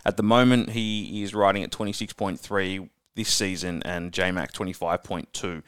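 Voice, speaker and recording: A man's voice: deep voice, steady tone, normal speed, a bit bright, clear, resonant tone, dry recording, studio quality. A man co-hosting a casual racing podcast, chatty and leading the talk. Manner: chatty, leads the conversation. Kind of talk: casual chat.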